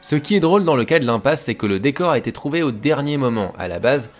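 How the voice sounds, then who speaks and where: A man narrates a scripted film video essay as its host. He has a mid-pitched voice and speaks informally, straight to the viewer. Soft music runs behind his voice-over. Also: lively intonation, quick pace. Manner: informal, addresses viewers directly. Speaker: host of a film analysis show.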